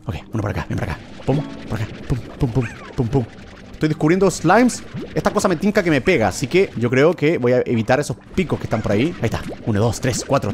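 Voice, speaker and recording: Young man, gaming commentary, excitable and jumpy, bright-ish higher voice, rapid-fire. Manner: excitable, yelps and gasps, talks to game creatures. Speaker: gaming video host. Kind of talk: excited let's-play commentary.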